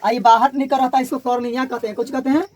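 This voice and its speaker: This male physics teacher speaks in a very high, darkish voice with a Bihari Hindi accent, delivering his classroom lecture flatly and quickly. He repeats key terms and has the class call them back to him.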